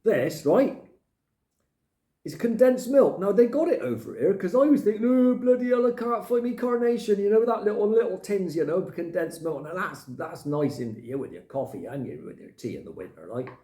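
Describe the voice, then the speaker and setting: A rambling, chatty man vlogging to camera, his mellow voice swinging up and down in pitch. He drops mild swear words as he goes. The sound bounces around an echoey room. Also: animated, normal speed. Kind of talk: casual chat to camera.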